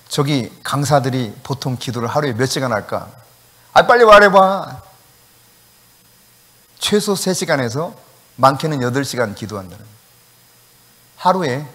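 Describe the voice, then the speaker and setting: A male pastor preaching a sermon, telling a story with acted-out dialogue and sudden shouted commands. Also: medium pitch, long reverb tail. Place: church sanctuary.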